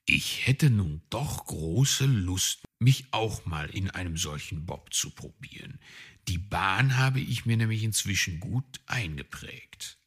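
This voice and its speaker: Man voicing a gravelly, bossy gentleman fox. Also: low voice, animated, takes it slowly, full character voice. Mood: genial. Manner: commanding, coaching.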